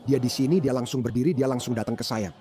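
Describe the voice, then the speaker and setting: A man dubbing a bystander who excitedly recounts a fight to police in casual slang. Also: mid-range voice, fast, natural voice. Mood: agitated. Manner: agitated, animated retelling with slang. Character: agitated man recounting a brawl. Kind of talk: dubbed bodycam account.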